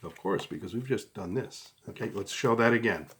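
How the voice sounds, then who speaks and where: A middle-aged man with a fairly low voice gives informal step-by-step instructions. He sounds conversational and unscripted, often checking that the listener follows as he demonstrates. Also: brisk, a bit bright, slightly rough. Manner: casual, conversational, often checks in with "okay" and "all right". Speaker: card trick instructor.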